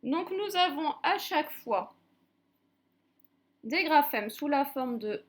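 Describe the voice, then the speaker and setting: A woman's voice: high voice, animated, slow pace. A woman teacher giving a recorded reading lesson to young children, patiently spelling out letters one by one. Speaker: primary school teacher.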